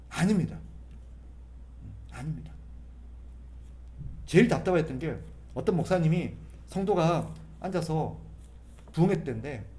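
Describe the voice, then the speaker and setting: A man preaching at a prayer meeting, his fairly high voice swinging widely between soft, prayer-like murmurs and emphatic bursts. He talks to the congregation as if chatting and answers his own rhetorical questions with force. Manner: conversational preaching, often acting out sample prayers and voices. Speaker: pastor. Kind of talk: sermon at a Friday prayer meeting.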